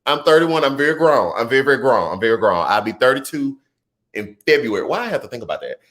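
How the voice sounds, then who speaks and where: A political talk show host in his thirties talks fast and casually on a live stream, his pitch lively and swooping as he reads viewer comments. Animated and conversational, he moves easily between serious points and playful, chatty asides, laughing readily.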